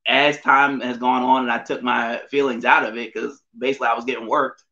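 A man's voice: medium pitch, little pitch movement, a little fast, pushed and bright. A middle-aged man chatting casually as a podcast guest, rambling with many fillers and restarts. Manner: rambling, frequent fillers and self-corrections. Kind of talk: casual interview chat. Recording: dull lo-fi audio.

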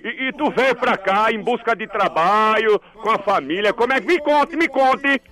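Boisterous male Northeastern Brazilian comic host played by a man, bright forceful high voice, stuttering banter, mock insults. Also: normal speed, faint music behind. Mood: playful. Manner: stammering repetitions, folksy slang, mock insults. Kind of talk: comic radio banter with a caller.

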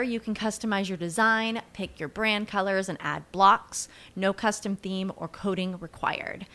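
Polished woman announcer, commercial read. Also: mid-range voice. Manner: bright, polished sales delivery.

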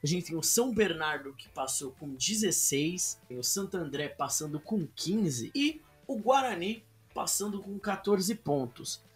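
A man's voice: sits high, expressive, measured pace, few pauses, faint music behind. A man hosting a casual football podcast, talking informally and addressing the listeners directly. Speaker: podcast host.

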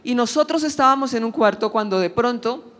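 A woman giving an emotional church testimony, telling her story in an animated way and acting out the dialogue. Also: a little high, a little fast. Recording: long hall reverb.

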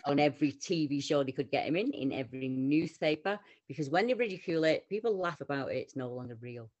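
Woman, northern english accent, podcast co-host, casual chat, animated storyteller. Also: low-pitched, quick pace, lo-fi sound. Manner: animated, lively storytelling with quoted voices. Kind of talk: casual round-table chat.

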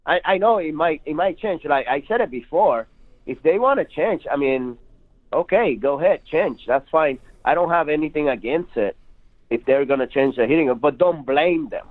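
A man co-hosting a sports talk show, excitable and needling, arguing back in disbelief. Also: fairly high pitch, normal speed, dry recording. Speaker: podcast co-host. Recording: tinny phone-like line, dry.

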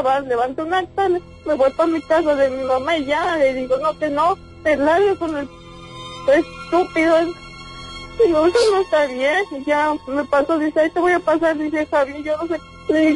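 A woman with a Mexican accent, a distraught, swearing mother-in-law venting at length on a phone call. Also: sits high. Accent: Mexican Spanish. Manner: distraught, profane, talks in long venting runs. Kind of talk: heated phone conversation.

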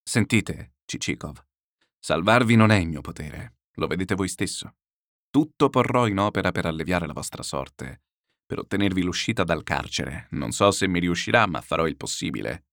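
A man voicing a calm, pious older man who admonishes gently, slow and grave. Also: low-pitched, dry recording, clean studio sound, voice pushed down. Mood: grave gentle. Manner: slow, grave, quietly reproachful.

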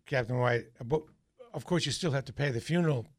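A man's voice: mid-range voice, fast. A male radio talk show host interviewing guests, asking pointed questions in a casual way. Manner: curious, asks pointed questions.

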